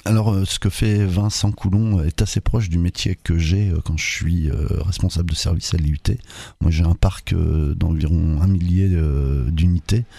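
A man, a university official and studio guest on a radio interview, explaining things in a relaxed way with fillers. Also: deep voice, moderate pace, vocal fry, breathy edge, no echo.

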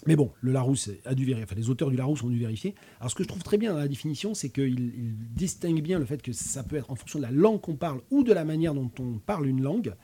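A man's voice: mid-range voice, lively intonation, fast, few pauses, mellow, slightly rough. A man in his fifties with a regional French accent, hosting a casual chat, hesitant, with many fillers and restarts. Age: 50s. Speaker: host.

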